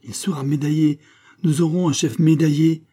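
A man reading the part of an eager young village conspirator who pushes his friend to lead, a little higher than his narration. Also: normal speed, dark tone, slightly rough. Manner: pushy and persuasive.

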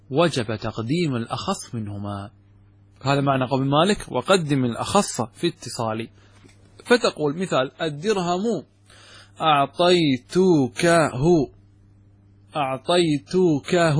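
A man teaching Arabic grammar from a classical text, with a Gulf Arabic accent, asking and answering his own questions and saying example words slowly with stress. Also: mid-range voice, breathy edge. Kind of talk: explaining a grammar text in a lesson.

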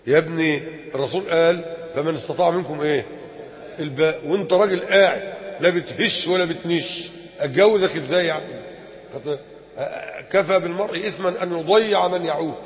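A man with an Egyptian accent teaching a colloquial religious lesson, animated and full of rhetorical questions to his listeners. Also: a little high, a little fast. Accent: Egyptian Arabic. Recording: echoey hall, dull lo-fi.

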